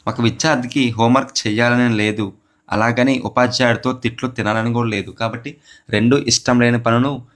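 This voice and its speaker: A man lectures on psychology for a teacher exam, walking through an exam question at a fairly quick pace. His mid-range voice is a bit bright with fairly even intonation, and he answers his own questions while repeating key terms to drive them home.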